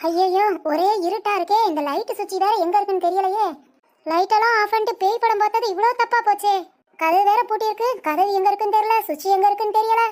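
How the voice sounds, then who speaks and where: A very high, shrill cartoon grandmother, voiced by a woman. She boasts and scolds in a loud, bossy manner. When frightened, she shrieks. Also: steady tone, fast talker. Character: bossy boastful old grandmother, sharp-tongued. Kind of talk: cartoon voice acting.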